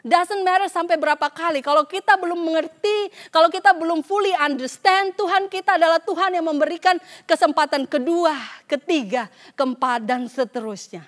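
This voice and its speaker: High-voiced woman pastor preaching. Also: moderate pace. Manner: mixes English phrases into her preaching; acts out voices when quoting scripture. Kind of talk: sermon. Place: church service.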